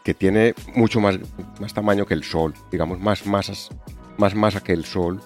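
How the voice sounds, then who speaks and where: A man's voice: fairly low pitch, fairly even intonation, moderate pace, soft background music. A man with a nasal, honking voice stuffed up by a winter cold, explaining things casually in a podcast conversation. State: congested with a head cold. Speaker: astronomy science communicator, podcast co-host.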